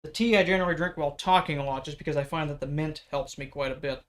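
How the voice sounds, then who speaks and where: A man demonstrating leatherworking on a live stream, talking loudly in an explaining way and chatting with viewers into a microphone. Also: a little high, fast talker. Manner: loud, explaining voice. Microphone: external microphone.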